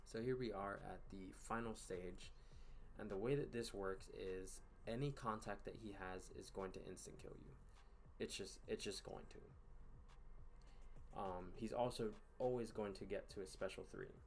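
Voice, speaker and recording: A man hosting a gaming channel, giving casual commentary over gameplay late at night, tired and yawning, in a relaxed, rambling way with fillers and sighs. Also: fairly low pitch, measured pace, vocal fry, a little hiss or hum. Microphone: voice-over recorded in one take.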